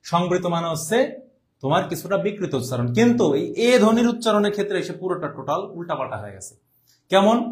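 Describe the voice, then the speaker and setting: A man's voice: sits high, echoey room. A man teaching a live online class, chatty and teasing, quizzing students by name and asking if they understand. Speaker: online admission-test tutor.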